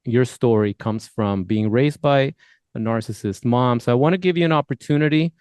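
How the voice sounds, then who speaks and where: Male podcast host, smooth voice, dry close sound, rambling friendly questions. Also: mid-range voice, moderate pace, a little mellow, no room sound. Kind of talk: casual interview hosting.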